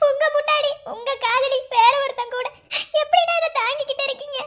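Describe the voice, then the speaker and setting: A woman voicing an emotional young woman in a cartoon, speaking quickly and with feeling. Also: extremely high pitch, a bit bright. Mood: distressed.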